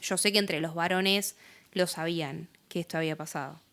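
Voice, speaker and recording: A woman's voice: on the low side, moderate pace. A young woman with an Argentine accent, a podcast guest candidly telling her own story in casual talk full of fillers. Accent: Argentine Spanish. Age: young adult. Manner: casual, lots of fillers, animated retelling.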